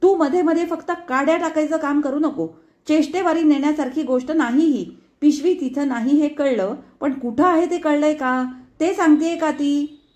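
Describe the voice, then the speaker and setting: A woman's voice: high-pitched, unhurried, hardly any pauses, darkish tone, pitched above the performer's own voice. A woman voicing a harried, angry middle-aged mother who scolds sharply and sarcastically in a told story. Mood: furious scolding.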